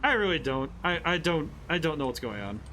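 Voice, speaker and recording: High-pitched, very animated male gamer. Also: fairly quick, background noise. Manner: exclamatory, reacts aloud with ows and laughs. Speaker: game streamer, game designer. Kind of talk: excited, bemused gameplay commentary. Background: game music.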